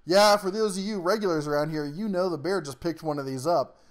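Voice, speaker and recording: A man with a somewhat high voice runs down a list of tools in casual, folksy shop talk. He rambles between points and chuckles often, like someone chatting from his garage workbench. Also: fairly quick. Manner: down-to-earth workshop slang. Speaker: tool review channel host. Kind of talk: casual product rundown.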